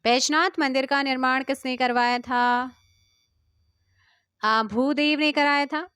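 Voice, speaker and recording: A woman teacher with an Indian Hindi accent reads through exam questions at a brisk pace and keeps pressing her viewers for answers. Her voice sits a little high and sounds smooth and clear. The recording is close and dry, with no room sound. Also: steady tone, a bit bright, no room sound. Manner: brisk, quizzing viewers and urging them to comment. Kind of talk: quiz-style exam prep lesson.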